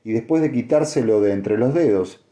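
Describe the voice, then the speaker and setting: A man narrating an audiobook in a steady, measured reading. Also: mid-range voice. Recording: echoey room.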